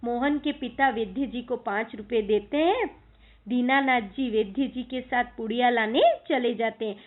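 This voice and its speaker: A woman's voice: a little high, moderate pace. A woman teacher retelling a school play for her students, explaining hard words as she goes. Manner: storytelling with glosses of words. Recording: tinny phone-like recording.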